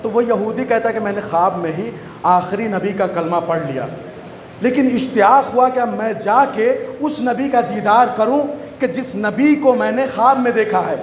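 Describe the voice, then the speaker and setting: A man with an Indian Urdu accent preaching a majlis sermon, shouting repeated refrains in a half-sung rhythm. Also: high voice. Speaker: majlis orator. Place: mourning gathering hall. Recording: echoey hall with crowd and noise.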